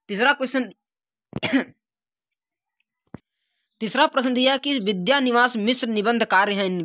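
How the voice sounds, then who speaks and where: A teacher working through an exam paper, reading each question and then repeating the answer as a quick quiz. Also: mid-range voice, fairly bright tone. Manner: unscripted, with restarts and filler sounds. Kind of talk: exam paper walkthrough lesson.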